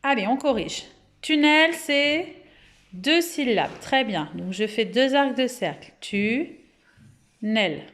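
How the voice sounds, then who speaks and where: A woman with a French accent giving a phonics lesson to young children at home, speaking patiently and clearly and drawing out each word's syllables. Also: a little high, expressive. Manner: slow, clear, patient, syllables drawn out and repeated. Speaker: kindergarten teacher.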